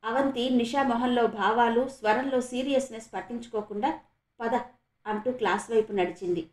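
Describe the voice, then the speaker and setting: A woman's voice: a little high, fairly quick. Woman narrating a novel, echoey room. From Andhra Pradesh, India. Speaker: audiobook narrator.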